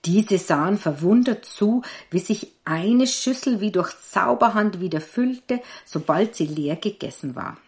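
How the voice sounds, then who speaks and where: A woman narrating a fairy tale in a slow, measured storytelling manner. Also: mid-range voice, lively intonation, darkish tone.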